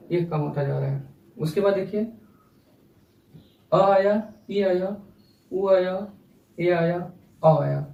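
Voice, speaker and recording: A man's voice: sits high, creaky, dark tone, dull audio. A man teaching a grammar lesson for exam preparation, explaining step by step and calling his viewers friends. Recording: echoey room, mic at a distance.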